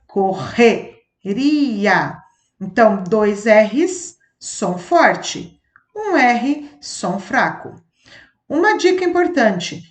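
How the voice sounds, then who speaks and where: A woman teaching a phonics lesson, stretching out each example word and spelling it out with careful enunciation. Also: fairly high pitch. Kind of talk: slow classroom phonics lesson. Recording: echoey room.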